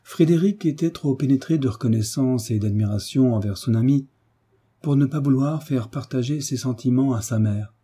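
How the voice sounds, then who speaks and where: Male audiobook narrator, dark timbre, husky, steady measured reading. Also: medium pitch.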